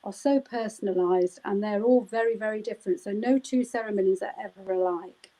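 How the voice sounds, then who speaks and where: Speaking a little fast, this UK woman has a mid-range, dark-toned voice captured on a rough recording. As a wedding celebrant in a live chat interview, she gives long answers studded with "um" and "you know".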